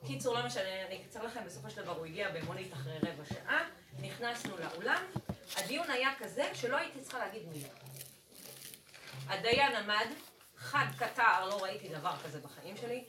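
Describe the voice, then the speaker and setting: A woman's voice: mid-range voice, expressive. A woman who works as a rabbinical court advocate tells a class about one of her cases, acting out both sides of each conversation. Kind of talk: animated storytelling to a class. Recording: roomy, distant, noisy room recording.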